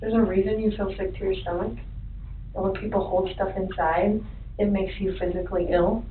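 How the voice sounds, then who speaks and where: A woman calmly runs a polygraph test on old interrogation tape, speaking in a measured, procedural way. Her voice comes through thin and phone-like. She sits away from the mic in an echoey room, with a faint hiss behind her. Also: mid-range voice, distant mic. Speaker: polygraph examiner.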